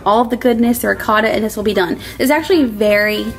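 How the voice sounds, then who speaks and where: Soft music plays behind a woman in her thirties who runs a home cooking vlog from her kitchen. She talks quickly in a mid-range voice, keeping things chatty and informal, narrating as she works and laughing easily.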